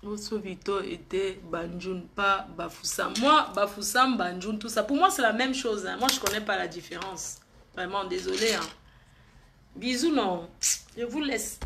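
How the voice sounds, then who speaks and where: A woman's voice: mid-range voice, measured pace, creaky, pushed and bright, a little hiss or hum. A woman, chatting and gossiping on a live stream, teasing and often laughing.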